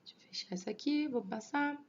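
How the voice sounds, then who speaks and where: A woman's voice: high-pitched, brisk, dull audio, soft background music. A Brazilian woman teaching a literature lesson online, explaining step by step, counting syllables aloud and checking in with students. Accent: Brazilian Portuguese. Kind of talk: online class lecture.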